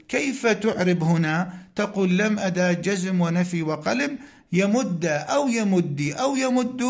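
A man teaching Arabic grammar, explaining a classical text line by line, patiently repeating examples and asking his students questions. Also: high-pitched.

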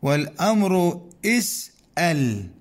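A man leads a grammar lesson, moving patiently through long lists of verb forms and half-chanting some of them. His voice sits a little high for a man, and he stops now and then to ask his students a rhetorical question. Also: very animated. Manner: slow, deliberate recitation of verb conjugations, chanting some forms. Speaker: Arabic grammar teacher. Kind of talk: explaining a classical grammar text.

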